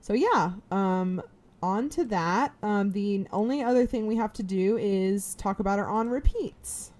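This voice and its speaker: A young adult woman co-hosting a podcast in casual chat, animated and exclaiming, humming tunes. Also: medium pitch, a little slow. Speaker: podcast co-host.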